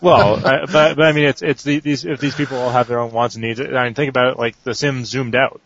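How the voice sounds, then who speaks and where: A man's voice: mid-range voice, fairly even intonation, fast talker, creaky, fairly bright tone, highs cut off, a little hiss or hum. A man co-hosting a casual gaming podcast, giving opinions in a conversational way. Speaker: podcast co-host.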